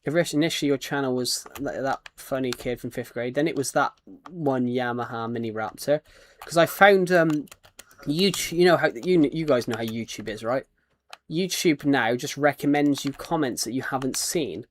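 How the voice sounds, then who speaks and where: This British livestreamer chats casually as he plays, drifting between thoughts and reading out viewer names and comments. He talks at normal speed with a medium pitch, and there's slight hiss or hum.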